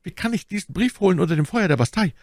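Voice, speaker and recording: A man's voice: high voice, animated, fast talker, darkish tone, dry recording, studio quality, pitched above the performer's own voice. A man reading an audiobook, voicing a terrified, wounded male soldier who begs for his life. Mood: pleading. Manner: pleading, frightened.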